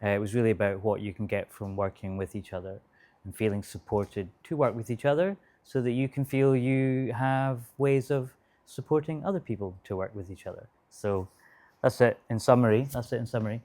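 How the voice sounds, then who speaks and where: A man, a course instructor, giving friendly, relaxed closing thanks to a class. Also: fairly low pitch, normal speed.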